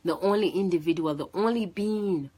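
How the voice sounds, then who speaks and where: A woman tells her testimony in a somewhat low voice. She talks in a lively, storytelling way, leaping up in pitch to act out what she and others said. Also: moderate pace. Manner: animated, acts out quoted voices with big pitch jumps.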